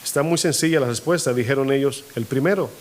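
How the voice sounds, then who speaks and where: A male pastor preaches a sermon in a church hall, his mid-range voice moving at a quick pace. He keeps putting call-and-response questions to the congregation and acts out quoted voices in a rising tone.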